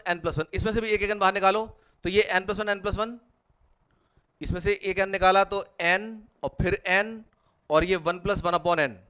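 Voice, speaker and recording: Fairly high-voiced male maths tutor. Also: bright, forceful tone, clear, resonant tone. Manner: talks students step by step through working out each problem. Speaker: mathematics tutor. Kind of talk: whiteboard problem-solving lecture.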